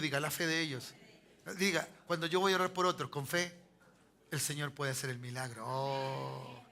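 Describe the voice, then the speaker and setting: A Chilean pastor preaching to his congregation in a high, very bright voice. He keeps it conversational, checking in with the room and having them say lines back to him. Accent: Chilean Spanish. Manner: conversational preaching, frequent "¿me entiendes?" and call-and-response. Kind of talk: sermon.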